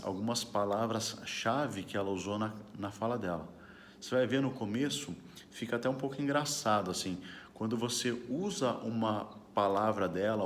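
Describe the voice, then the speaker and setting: Middle-aged male trainer, relaxed chatty delivery, mid pitch, faint background noise. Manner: chatty, frequent tag questions. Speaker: corporate trainer. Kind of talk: casual teaching to camera.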